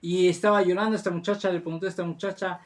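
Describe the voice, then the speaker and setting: A man, a rabbi, telling a religious story as a lesson, halting often with restarts and fillers. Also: sits high, flat delivery.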